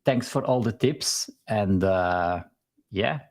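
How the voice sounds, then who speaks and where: A man with a Belgian accent hosting a casual live stream interview over a video call, talking in a halting way with frequent fillers and restarts. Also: on the low side, darkish tone.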